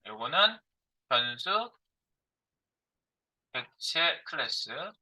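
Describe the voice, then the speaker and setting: A man's voice: mid-range voice, sing-song, very slow, sharp tone, low-quality recording. A middle-aged man giving a live coding lecture as a programming instructor. He thinks aloud while he types, asking and answering his own questions.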